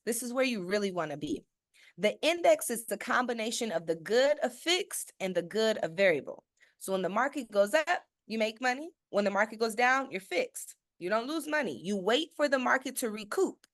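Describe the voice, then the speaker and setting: A woman acting as a financial educator runs a persuasive, sales-style webinar, stressing her points and throwing rhetorical questions at listeners. She checks in constantly by tacking "okay?" onto her sentences. Her ordinary-pitched voice sounds dry and close, without room echo.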